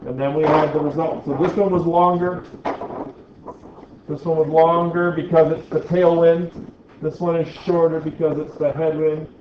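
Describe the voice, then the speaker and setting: This teacher speaks at normal speed in a fairly high, level voice, with slight background noise. His classroom lecture is jokey and peppered with "right?" check-ins, recorded in echoey, dull lo-fi sound.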